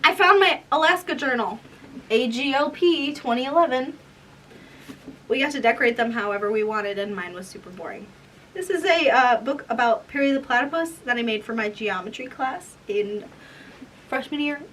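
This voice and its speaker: A woman's voice: high voice, lively intonation, normal speed, fairly bright tone. A woman in her twenties chatting casually in a vlog, embarrassed and self-mocking as she reads her old writing aloud. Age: 20s. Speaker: vlogger. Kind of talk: casual vlog chat, reading old diaries. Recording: distant mic with room noise.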